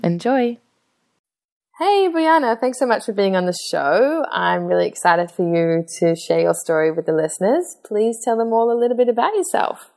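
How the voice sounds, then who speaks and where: Woman, podcast host, upbeat, gravelly, dry sound. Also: medium pitch, very animated, moderate pace, a little mellow, no echo. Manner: chatty and upbeat, with fillers. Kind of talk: casual podcast hosting and interviewing.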